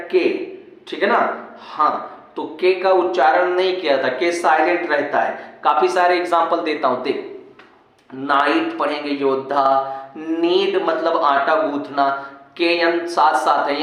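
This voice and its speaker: A man teaching English pronunciation rules in a lesson, repeating each rule slowly and asking often whether the class understands. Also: a little high, fairly bright tone. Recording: very echoey room.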